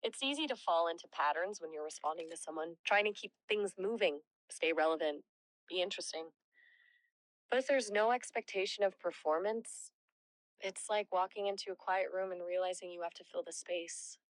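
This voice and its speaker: A synthetic female voice, fairly low in pitch, plays an AI assistant answering interview questions at a moderate pace. She sounds reflective, candid, and soft-spoken, giving conversational answers on a dry, poor-quality recording.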